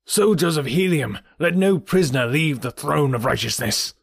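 Brief: a man putting on a villainous ruler, high strained shouting, dry close sound. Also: lively intonation, normal speed, gravelly, breathy edge, dry recording, exaggerated voice. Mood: commanding. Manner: shouting, trembling with rage. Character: furious scheming male ruler, hard-voiced villain.

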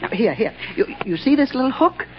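A man's voice: very high-pitched, very animated, fairly quick. An actor playing a deranged male bomber who stammers, giggles and whimpers, in 1930s radio drama. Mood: giggling, scheming. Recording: dull old radio recording.

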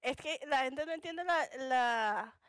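A young woman with a Venezuelan accent from Punto Fijo chats casually as a podcast co-host. Her voice sits high. She talks in slang, laughs often, and sounds dry and close to the mic. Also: slow, a bit bright, no room sound. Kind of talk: casual chat.

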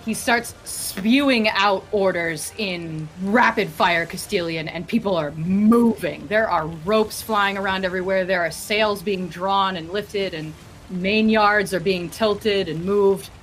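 A woman narrating as game master of a tabletop game, describing scenes in a lively, vivid way. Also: medium pitch, a little slow, slight background noise, rough recording.

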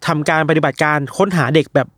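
A man's voice: on the high side, quick pace, slightly rough, dry recording, clean studio sound. A man casually retelling strange news stories to friends, acting out the people in them. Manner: animated retelling with quoted voices. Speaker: storyteller of odd news. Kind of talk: casual chat.

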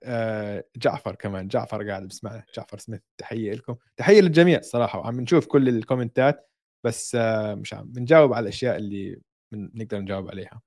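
A man's voice: fairly low pitch, fast talker, a little mellow. A man with a Palestinian-Jordanian Levantine Arabic accent co-hosting a casual sports chat. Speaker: sports podcast co-host.

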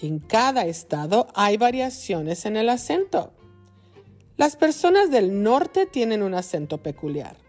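A woman from Mexico hosting a podcast lesson for Spanish learners, speaking slowly and clearly. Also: mid-range voice, soft background music. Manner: slow, clearly spoken, lively intonation. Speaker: podcast host.

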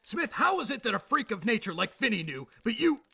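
Brusque police commander, sarcastic beat-cop manner, gravelly, animated, high-pitched, audio drama. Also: male voice, a little fast, no echo, exaggerated voice. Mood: furious, exasperated. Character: exasperated, sceptical veteran police boss barking orders.

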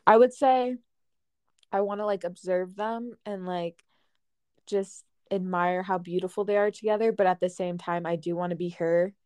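A woman's voice: on the low side, steady tone, normal speed, darkish tone, clear, resonant tone, dry recording. Young female co-host, effusive and dreamy, dry close sound. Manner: dreamy, effusive, stretches words. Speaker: podcast co-host. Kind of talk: casual chat.

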